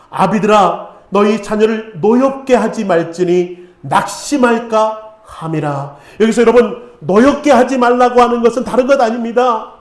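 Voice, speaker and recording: A middle-aged male pastor delivers a sermon, weaving in stories and asking rhetorical questions. His voice sits fairly high. The recording carries the echo of a church sanctuary. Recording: echoey church hall.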